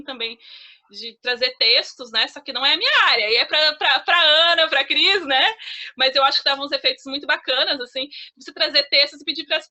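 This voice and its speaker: A Brazilian woman with a slightly high, very bright, sharp-edged voice talks through a creative writing workshop. Her speech is loose and chatty, full of fillers, restarts and easy laughter, more like a conversation than a lecture. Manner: laughs easily while explaining. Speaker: author of children's stories and poems. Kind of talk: informal teaching talk.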